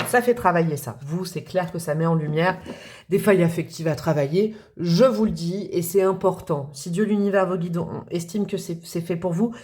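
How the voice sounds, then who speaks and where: A woman's voice: lowish voice, a little mellow. A woman giving a casual tarot reading, talking straight to her viewers and thinking aloud as she goes. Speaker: tarot reader.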